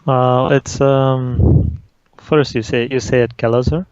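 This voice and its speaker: A man's voice: mid-range voice, steady tone, slow, darkish tone, a little hiss or hum. A young man from Brazil whose first language is Portuguese, answering interview questions in a laid-back way, often saying "like". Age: young adult. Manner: laid-back, uses "like" a lot. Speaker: guest, esports player. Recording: dull, lo-fi audio.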